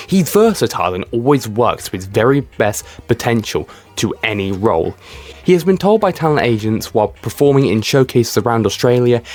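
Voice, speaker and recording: A man's voice: medium pitch, darkish tone. A young man from Britain giving casual, sarcastic commentary as he reads comments aloud and mocks what he finds. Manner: sarcastic, mocking, swears freely. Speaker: YouTube commentary creator.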